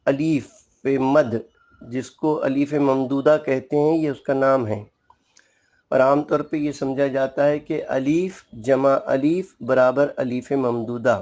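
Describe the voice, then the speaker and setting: An Urdu teacher with a mid-range, somewhat dark voice gives a slow spoken alphabet lesson. He is formal and courteous, patiently explaining the name and sound of each letter.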